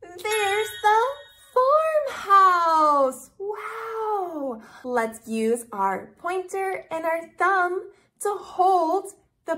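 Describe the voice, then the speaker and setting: Female kids' host, thirties. Very high, lively pitch, simple sing-song teaching, as if reading to a toddler. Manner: sing-song, exaggerated, repeating simple phrases. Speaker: children's educational video host. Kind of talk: toddler lesson, talking slowly and simply to a small child.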